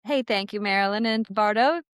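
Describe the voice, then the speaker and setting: A woman co-hosts a podcast in a friendly, relaxed way. Her voice is smooth and clear at a mid pitch. The recording is dry and close. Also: fairly quick, no room sound. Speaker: podcast co-host. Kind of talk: podcast interview.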